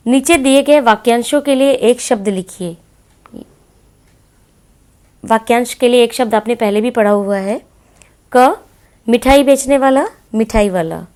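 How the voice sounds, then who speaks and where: Woman teacher, fairly high voice, slow and deliberate delivery, explaining lessons to students. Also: a little mellow. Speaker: Hindi teacher. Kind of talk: classroom lesson explaining exercises.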